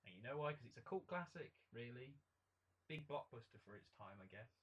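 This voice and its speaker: Blunt, husky-voiced man. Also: mid-range voice, lively intonation, brisk. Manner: opinionated, blunt. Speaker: film review co-host. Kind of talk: casual chat.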